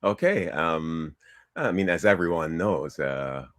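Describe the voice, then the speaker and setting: An older man from Trinidad and Tobago talks as a guest on a talk show, in a very low voice. He is chatty and laughs easily, with lots of ums. The sound is close and dry. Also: takes it slowly, fairly bright tone, dry recording. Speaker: political candidate guest.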